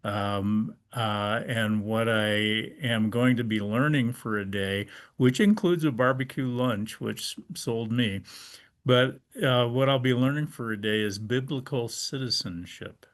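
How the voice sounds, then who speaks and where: A man's voice: mid-range voice, unhurried. Easygoing man leading an online meeting. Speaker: meeting facilitator.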